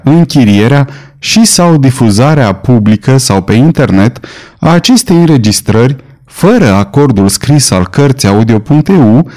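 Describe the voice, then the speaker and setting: A man from Romania reading an audiobook in a steady, deliberate narration. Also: medium pitch. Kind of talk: scripted narration.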